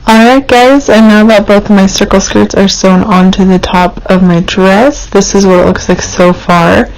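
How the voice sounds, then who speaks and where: A woman's voice: medium pitch, fairly even intonation, moderate pace, rough recording. A young woman hosting a craft tutorial, narrating informally and explaining each step in a casual way.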